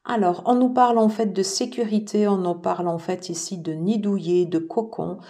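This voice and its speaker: A woman giving a casual tarot reading to her viewers, soft-spoken and peppered with fillers like "voilà" and "alors". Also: medium pitch, steady tone, normal speed. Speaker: tarot reader.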